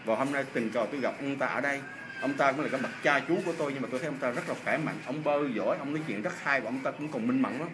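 In a noisy indoor swimming pool hall, a middle-aged man from Vietnam races through a casual, polite interview in a mid-range voice, often repeating answers back. The audio comes from a phone held at arm's length.

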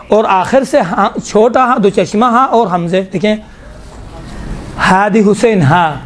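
Male teacher with a high voice leading a class in Quran recitation rules, patient and questioning. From Pakistan. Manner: explains slowly, asks the class questions, draws out sounds. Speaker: tajweed teacher.

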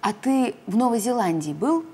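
Woman doing a bouncy young hare, wondering, high and lively. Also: normal speed, husky, exaggerated voice. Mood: curious. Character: playful curious young hare.

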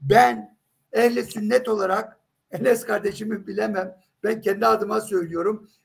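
A man's voice: sits high, fairly even intonation, normal speed, vocal fry, breathy edge. A man in a heated live religious debate, insistent and emphatic, pressing with rhetorical questions.

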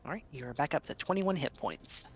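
A game master narrating a tabletop game in an unhurried way, with many filler uhs. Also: mid-range voice, expressive, highs cut off, faint music behind.

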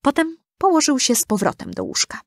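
A woman reading a children's storybook aloud in a calm, even storytelling manner. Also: high-pitched, brisk, no echo, studio quality. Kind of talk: scripted storybook narration.

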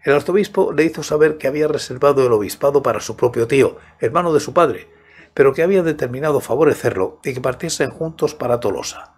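An older man in his sixties narrates as an audiobook storyteller. His voice is husky and mid-pitched, with a measured, soft-spoken delivery close to the mic. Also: expressive. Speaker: host and narrator of horror audiobook channel. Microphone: large studio microphone close to the mouth, headphones.

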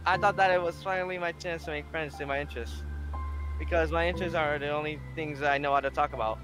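An anxious, bookish teenage girl who is hard on herself, read aloud by a man in his own voice. The voice sits a little high, read plainly off the screen with game music playing behind. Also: steady tone, quick pace, close to an everyday voice, poor audio. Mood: downcast. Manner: plain reading of dialogue off the screen.

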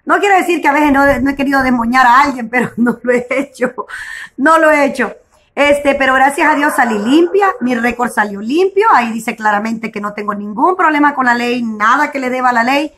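A woman's voice: high-pitched, fairly quick, hardly any pauses, a bit bright. A young woman with a Honduran accent, chatting outdoors as a vlogger, retelling her day in a casual storytelling way with frequent religious exclamations. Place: outdoors in a breeze.

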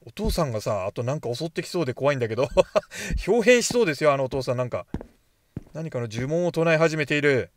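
A man's voice: on the high side, animated, fast. A man giving casual, jokey commentary while playing a horror game, chatting to himself as he goes. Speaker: game streamer.

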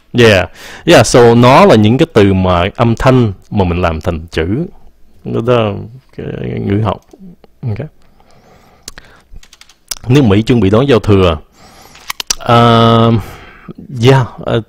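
Slow, low-voiced man teaching pronunciation. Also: dry recording. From Vietnam. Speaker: English teacher answering viewer questions. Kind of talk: casual live-stream English lesson.

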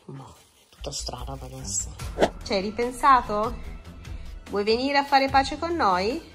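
A woman's voice: fairly high pitch, lively intonation, measured pace. A woman hosting a family vlog who talks to her children, coaxing and affectionate but firm when she scolds. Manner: firm, scolding parental tone at times. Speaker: mother and vlog host. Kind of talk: casual family vlog talk. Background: background music.

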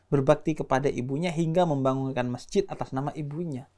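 A man hosting a casual podcast, talking in a measured way and gently teasing his guest. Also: a little high.

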